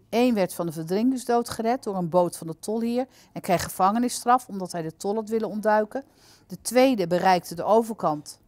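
A woman's voice: medium pitch, darkish tone, no echo, natural voice. A woman voicing a stern, lecturing middle-aged male guard in a storybook reading.

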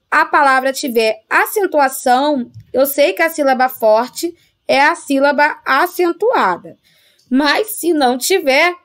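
A woman with a high, a bit bright voice teaches a primary school Portuguese class with a Brazilian accent in a recorded remote lesson. She patiently stretches out example words and checks in with the children.

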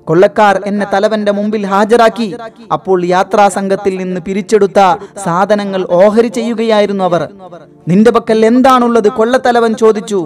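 A man narrates a religious history story in a measured, solemn way. His voice sits fairly high for a man and the delivery stays even and scripted. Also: faint music behind.

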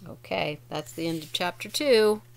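Woman storybook reader, low-ish voice, clear and explanatory for kids. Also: expressive, moderate pace, a little mellow. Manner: clear, explains words as she reads. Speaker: reader of a children's book. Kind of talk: reading aloud to children.

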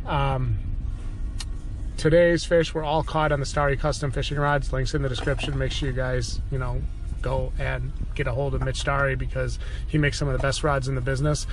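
A man's voice: a little high, a little hiss or hum. An American man in his thirties hosting a casual fishing vlog, talking in an enthusiastic, chummy, slangy way. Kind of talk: casual outdoor vlog talk. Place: truck cab, woods, home kitchen.

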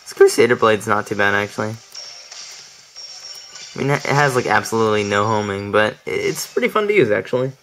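Bright-voiced young man commentating gameplay. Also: lowish voice, lively intonation, fairly quick, pauses often, poor audio. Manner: chatty, laughs often, stumbles over words. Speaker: let's play commentator. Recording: faint game music behind.

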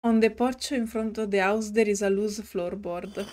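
A woman's voice: mid-range voice, fairly even intonation, a little mellow. A woman streamer reading a story game aloud with commentary, giggly and hesitant. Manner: slow, giggly and hesitant, with restarts. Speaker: gaming streamer.

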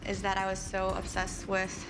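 A young woman who owns a restaurant, talking earnestly and softly about her business in a casual interview. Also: mid-range voice, completely flat delivery, normal speed, rough recording. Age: young adult. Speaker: restaurant owner. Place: small bright café. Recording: music bed under the talk.

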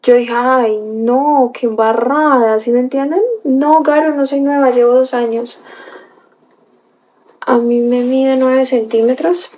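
On dull audio, a young livestream host speaks slowly in a high, steady voice with a dark tone. She reads the chat, greets viewers by name, and tells a story punctuated by gasps and exclamations in a casual stream.

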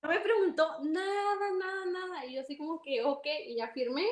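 A young woman with a Mexican accent tells her story animatedly and acts out each exchange with a high, bright voice. Her voice rings in an echoey room. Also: moderate pace. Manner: animated, acts out dialogue, laughs often. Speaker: interview guest. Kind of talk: casual storytelling.

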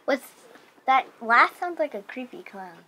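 A woman's voice: high voice, expressive, measured pace, bright, forceful tone, slight background noise. A female co-op gaming partner chatting casually during play. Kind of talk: casual gameplay chat. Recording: voice mixed with game music. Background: video game music.

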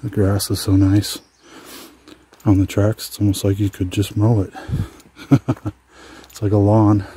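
A man from Washington State chatting casually as he walks along old railway tracks, rambling and relaxed with frequent fillers. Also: fairly low pitch, a little slow, long pauses, a little hiss or hum. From Washington State, USA. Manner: talks while walking outdoors. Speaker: adventure vlogger. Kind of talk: casual hiking vlog commentary. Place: outdoors on abandoned railway tracks.

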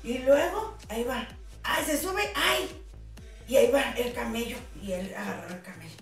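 A high-pitched woman spins jokes in an animated, chatty way and laughs through her punchlines. She sits some distance from the mic in an echoey TV studio with music playing behind. The sound is roomy and distant. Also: a little fast. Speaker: guest actress. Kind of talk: chatty joke-telling.

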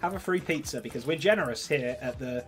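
A man's voice: medium pitch, fast, fairly bright tone, soft background music. A man hosting a gaming stream, chatting playfully and giving orders while he plays a cooking game with a friend. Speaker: gaming channel host. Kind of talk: casual co-op gameplay chat.

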